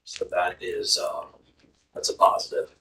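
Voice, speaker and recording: A man's voice: a little slow, sharp tone. A man reporting school test and attendance results to a school board, informal and full of ums and uhs. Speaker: school district administrator presenting data. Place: school board meeting room. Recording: distant microphone in a meeting room.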